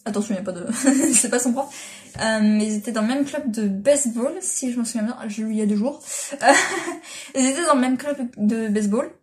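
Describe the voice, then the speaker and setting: Talking fairly quickly in a slightly high, slightly mellow voice, a young manga vlogger rambles through casual chat. She uses many fillers and restarts, recorded on her device's built-in mic.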